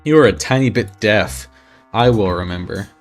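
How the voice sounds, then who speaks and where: A man voicing an odd, eager little alien crew recruit who speaks slow, halting broken English. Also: fairly low pitch, faint music behind, lightly acted. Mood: earnest.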